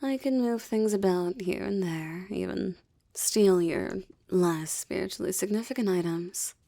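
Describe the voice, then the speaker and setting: A woman voices a seductive, menacing succubus in an intimate, ASMR-like roleplay monologue aimed at the listener, teasing and possessive. Her lowish, creaky, mellow voice is slow and breathy, with formal, ornate diction. The sound is dry and close, with no room ambience.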